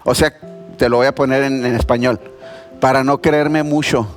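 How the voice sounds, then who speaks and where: Pastor preaching over soft music. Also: male voice, mid-range voice, normal speed. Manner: conversational, animated storytelling with voiced quotes. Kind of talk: sermon. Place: church.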